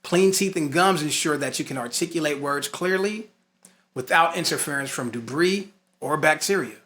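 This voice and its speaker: With a fairly high, fairly bright voice at a moderate pace, a man serves as instructor and host of a talk box tutorial. It is informal, partly scripted and partly conversational, and he keeps stressing and repeating his main points.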